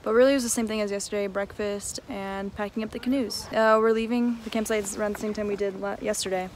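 A woman's voice: mid-range voice, fast talker, slight background noise. A young woman chatting casually in a travel vlog, talking into a phone held at arm's length outdoors. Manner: chatty, relaxed, with fillers and likes. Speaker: vlogger. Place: outdoors at a lakeside forest campsite.

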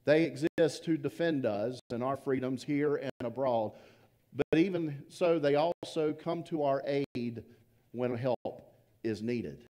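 Pastor guy preaching, mellow dark voice, gets quiet on the big words, storyteller vibe. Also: medium pitch, slow. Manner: storytelling, trailing off softly for emphasis. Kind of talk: sermon.

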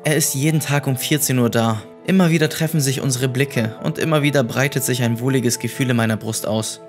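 A man's voice: medium pitch, brisk, faint music behind. Male horror audiobook narrator.

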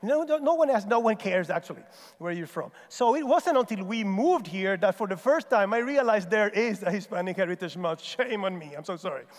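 A middle-aged man from Puerto Rico with a Puerto Rican accent, giving an animated chapel talk with stories and self-deprecating humor. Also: sits high, fairly quick. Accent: Puerto Rican Spanish. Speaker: chapel speaker. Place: large stage in an auditorium. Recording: long hall reverb.

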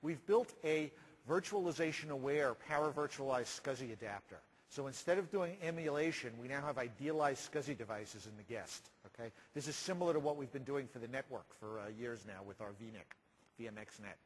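A man in his forties giving a measured, explanatory keynote talk on a large conference stage, pausing often with "uh". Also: medium pitch, husky, poor audio. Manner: measured, explanatory, frequent uh fillers. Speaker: keynote presenter.

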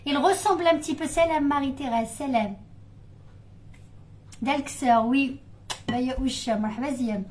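A woman's voice: high-pitched, measured pace, pauses often, slight background noise, poor audio. Chatty woman hosting a live cooking stream. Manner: warm greetings to viewers by name, chatty. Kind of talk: casual live chat with viewers.

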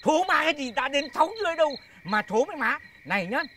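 A wailing lovesick fool. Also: male voice, lively intonation, quick pace, slight background noise, heavily acted. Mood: indignant. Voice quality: high, wailing and exaggerated. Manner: loud exclamations and theatrical laments. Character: lovesick, half-mad young man, melodramatic and whiny. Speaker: lovesick half-mad son. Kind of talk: slapstick comedy film acting. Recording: background music under dialogue.

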